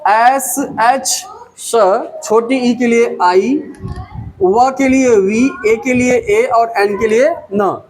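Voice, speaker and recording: A man's voice: extremely high pitch, takes it slowly, darkish tone, rough recording. A man teaching a basic grammar lesson step by step, spelling out letters and repeating words syllable by syllable.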